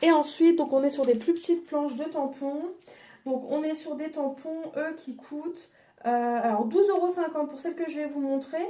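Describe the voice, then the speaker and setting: A crafting vlogger with a high, mellow voice talks at a moderate pace while displaying her craft buys in a casual haul. Her delivery is chatty and hesitant, sprinkled with fillers and corrections of herself.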